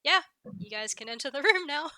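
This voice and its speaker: A woman's voice: high voice, lively intonation, a little fast, sharp tone, no echo. A woman acting as game master, improvising narration for tabletop players in a conversational way.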